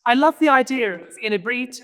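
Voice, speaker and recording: A woman's voice: on the high side, animated, brisk, fairly bright tone. Rambling woman speaking in a reverberant hall. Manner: rambling, self-interrupting storyteller. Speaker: guest speaker. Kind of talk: informal conference talk. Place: large event hall.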